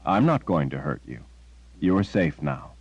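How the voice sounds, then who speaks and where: A protective young hero, as a male narrator voices him, speaking gently in a deep voice. The audiobook reading sounds dry and slightly dull. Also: sing-song, measured pace, slightly rough, no echo, exaggerated voice. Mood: gentle.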